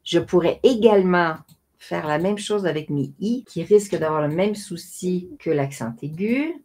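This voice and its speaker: Québécoise lady walking through a software tutorial, low mellow voice, chatty. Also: expressive, moderate pace. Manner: chatty step-by-step explaining while working. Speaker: craft software tutorial host. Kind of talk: screen-recorded tutorial narration.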